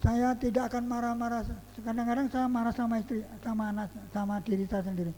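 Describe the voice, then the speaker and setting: High-voiced man preaching a sermon. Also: little pitch movement, fast. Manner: earnest preaching with sudden loud emphasis. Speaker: pastor. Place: church hall. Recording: hall reverb with faint hum.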